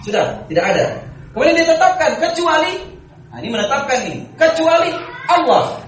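A man's voice: very high voice, sing-song, fairly quick. A man giving a religious study lecture, explaining grammar step by step and quizzing his audience with short checks, chuckling often. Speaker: Islamic religious teacher. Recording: very echoey room, voice from far off, faint background noise.

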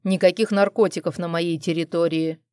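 A woman's voice: fairly low pitch, steady tone, moderate pace, a little mellow, clear, resonant tone, no room sound, close to an everyday voice. A woman voicing a hot-tempered, protective young husband who speaks in a commanding, growling way. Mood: angry.

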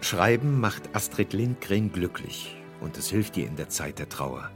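Deep-voiced male documentary narrator. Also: expressive, measured pace, music in the background.

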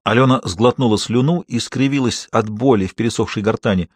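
A man narrating an audiobook thriller in a steady, tense storytelling manner. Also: medium pitch, fairly quick, husky, dry recording, clean studio sound. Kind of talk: scripted narration.

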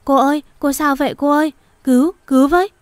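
A woman's voice: on the high side, normal speed, a little mellow, no echo, lightly acted. A woman reading a story and voicing a timid, devoted young servant girl who speaks politely and anxiously. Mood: panicked.

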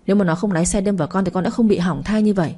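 A woman's voice: medium pitch, racing, mellow, slightly rough, close to an everyday voice. A woman voicing a grieving young wife. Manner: tearful, pleading and indignant.

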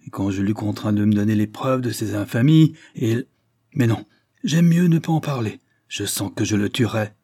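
A man's voice: on the low side, expressive, a little fast, hardly any pauses, dark tone, husky, no echo, clean studio sound. A man reading an audiobook, voicing a hot-tempered young captain who speaks in a furious, curt way.

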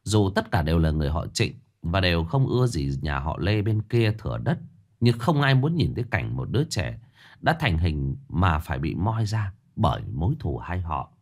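A man narrating a dramatic village tale in an expressive, scripted storytelling voice. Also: low voice, moderate pace.

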